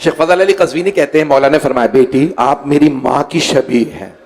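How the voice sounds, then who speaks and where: High-voiced man preaching a mourning sermon. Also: normal speed. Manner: impassioned, climbing into shouted, wailing lament; dramatic, voices the pleas of the people in the story. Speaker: religious scholar reciting a mourning gathering. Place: mourning hall with a gathered audience.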